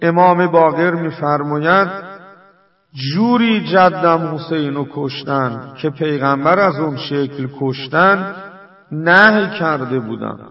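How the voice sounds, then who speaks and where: A man giving a mourning sermon, telling the story in a lamenting, dramatic way. He recites Arabic quotations, then restates them. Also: on the high side. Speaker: preacher. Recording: distant, dull lo-fi recording.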